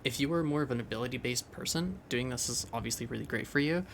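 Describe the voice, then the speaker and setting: A man's voice: mid-range voice, quick pace, gravelly, a little hiss or hum. A young man casually thinking aloud as he explains a game build over gameplay, loose and rambling with restarts. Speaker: game commentator.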